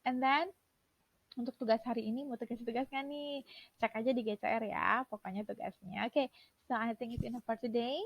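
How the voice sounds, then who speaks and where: A woman's voice: fairly high pitch, fairly even intonation, normal speed, creaky, no room sound. A woman English teacher, giving a recorded online class lecture in a chatty way, mixing in English words. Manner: chatty, mixes English into Indonesian, laughs at own slips. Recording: dull, dry lo-fi recording.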